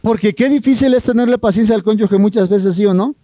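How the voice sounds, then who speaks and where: Mexican man, high voice, mellow tone, earnest sermon, slow phrasing, questions to the crowd. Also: no room sound. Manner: earnest, drawn-out phrasing with direct questions to the audience. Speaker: family therapist speaking at a marriage retreat.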